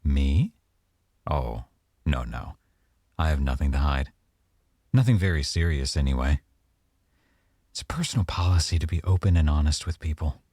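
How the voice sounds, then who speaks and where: In an intimate ASMR roleplay, a man plays a young mafia boyfriend, his extremely low, mellow, slightly rough voice recorded dry and up close. He speaks unhurriedly and teasingly, with lively intonation and a full character voice. The mood is coy and smooth with a hint of veiled menace.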